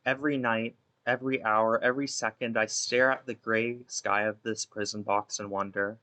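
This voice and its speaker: A man playing a guilt-ridden, imprisoned female ex-baseball pitcher in a wistful, theatrical dramatic monologue that rambles and interrupts itself. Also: fairly even intonation, normal speed, pushed and bright, rough recording.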